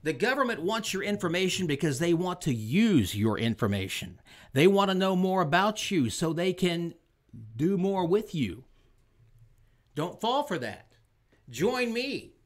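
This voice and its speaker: A man's voice: high-pitched, very animated, a little slow, fairly bright tone. A man from Oklahoma, hosting a show and delivering an opinionated political monologue with emphatic, repeated lines. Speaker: show host.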